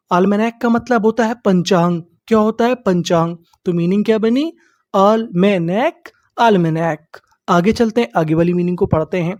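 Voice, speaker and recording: A woman with a mellow, warm voice teaches English pronunciation, sounding out words letter by letter. She asks questions and answers them herself, stretching the key words out slowly. The recording is dry and close. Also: medium pitch, dry recording. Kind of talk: spelling-out pronunciation lesson.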